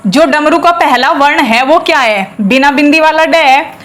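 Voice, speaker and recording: Woman, high voice, patient spelling teacher, repeats words to drill, classroom lesson. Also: moderate pace, very noisy.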